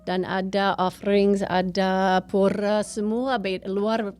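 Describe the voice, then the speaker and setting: Music plays behind a woman with a mid-pitched voice and an American accent. She is a native English speaker talking in Indonesian as a foreigner, often mixing in English phrases. Her delivery is casual storytelling, as a guest in an interview. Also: little pitch movement, slow, darkish tone, clear, resonant tone. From United States. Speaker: interview guest, gallery owner and painter.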